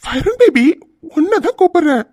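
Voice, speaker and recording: A man's voice: extremely high pitch, sing-song, normal speed, a little mellow, no echo, pitched above the performer's own voice. A man putting on a woman's voice in a cartoon dub, coy and teasing in a sing-song way. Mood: flirty. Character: man faking a flirty woman's voice. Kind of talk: cartoon dubbing.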